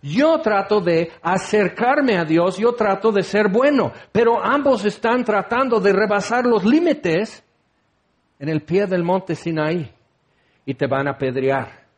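A man's voice: high voice, animated, unhurried. A man preaching a conversational sermon, full of rhetorical questions and playful asides.

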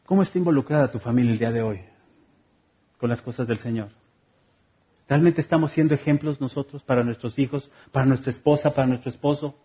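Male preacher, Mexican accent, sermon, conversational, playful, repetitive cadence, medium pitch. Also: fast, mellow, dull audio. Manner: conversational, humorous, repetitive rhythmic phrasing.

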